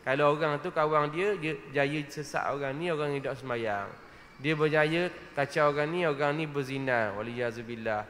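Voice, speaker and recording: A man with a somewhat high-pitched voice delivers a mosque lecture. His delivery is conversational, and he keeps checking in with his audience. The sound carries the long reverb of a mosque hall. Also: normal speed, fairly bright tone, a little hiss or hum. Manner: conversational preaching, frequent "ha?" checks with listeners. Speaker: religious lecturer.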